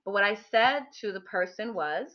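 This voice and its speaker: A woman's voice: medium pitch, expressive, moderate pace. A woman candidly telling a personal story to her listeners, talking animatedly with many restarts and fillers. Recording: dull lo-fi recording.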